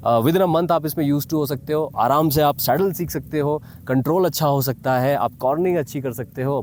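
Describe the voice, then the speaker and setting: This motovlogger-style review comes from an Indian man speaking to his audience in a mountain valley, casual and explanatory, with English phrases woven in. His voice is mid-range with a darkish tone, and the outdoor recording is clearly noisy.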